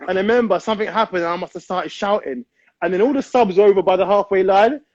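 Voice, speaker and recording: A man's voice: fast talker, no room sound. A man, bantering indignantly as a guest in a casual interview. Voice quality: high-pitched voice. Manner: animated, indignant, jokey. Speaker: guest, amateur footballer. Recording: dull lo-fi sound.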